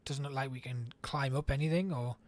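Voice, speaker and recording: A man's voice: mid-range voice, fairly even intonation, a little fast, a little mellow. A man streaming a city-building game, chatting and thinking aloud as he plays. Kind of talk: let's play commentary.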